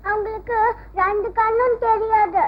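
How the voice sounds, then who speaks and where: A woman's voice: very high voice, fairly even intonation, moderate pace, slight background noise. A woman voicing a polite, earnest poor little girl who sells dolls in a film. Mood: sad. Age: child figure. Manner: earnest childlike talk. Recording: dull old film soundtrack with music.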